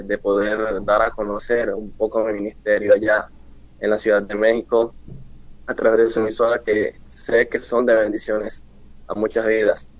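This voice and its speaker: A twenty-one-year-old man from Mérida, Venezuela, speaks earnestly as a guest on a radio interview, giving devotional testimony with preacher-like declarations. His voice is lowish with no room sound, carried over a dull lo-fi remote link with music playing behind him.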